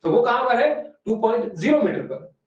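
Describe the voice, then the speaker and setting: A man teaching an online exam-prep class, explaining step by step, often quizzing students, and reading English definitions out very slowly. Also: very high voice, sing-song. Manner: explains step by step, keeps asking students questions. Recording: very echoey room, voice from far off, dull sound.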